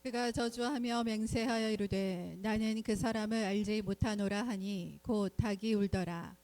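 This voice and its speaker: A woman reads scripture passages aloud in a warm, mellow voice. Her delivery is even and measured, at a middle pitch. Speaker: scripture reader.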